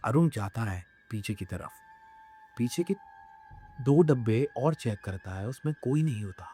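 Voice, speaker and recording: A man's voice: mid-range voice, animated, measured pace, mellow, faint music behind. A man narrating a horror story in casual spoken style, with fillers and restarts.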